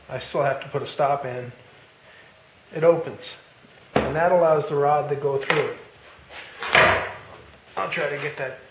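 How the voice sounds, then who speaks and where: Man explaining a build in a roomy workshop. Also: on the high side. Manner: relaxed, explanatory, with many fillers and restarts. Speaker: woodworking channel host. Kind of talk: casual shop walkthrough narration. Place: home woodworking shop, indoors. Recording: roomy workshop with faint noise.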